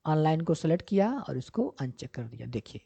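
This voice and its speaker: Her voice is deep, creaky and breathy-edged, and this woman computer teacher moves fairly quickly and animatedly through a software tutorial. She explains step by step, repeats points, answers her own questions, and keeps checking with "ठीक ना". The screen recording sounds slightly dull and lo-fi.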